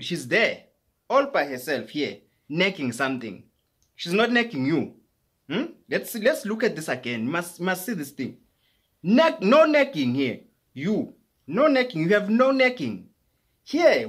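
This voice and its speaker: A South African man with a South African accent giving a mock lecture in a comedy skit, teasing and building to shouts. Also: high-pitched, breathy edge. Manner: mock-teaching, rising to shouting.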